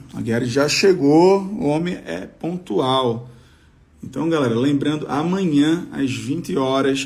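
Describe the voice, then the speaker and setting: A man's voice: medium pitch, darkish tone. A Brazilian man hosting a casual live stream in a slangy, rallying gym-bro style. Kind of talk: casual hype live chat.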